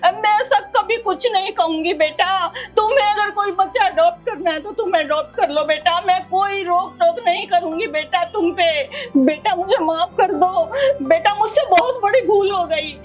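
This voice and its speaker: A woman's voice: a little high, moderate pace, warm tone, lightly acted. Woman playing a scheming, begging mother-in-law. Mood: pleading, tearful. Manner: pleading, repeats "beta" while crying. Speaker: actor in a family drama short. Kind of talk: melodramatic short-film acting.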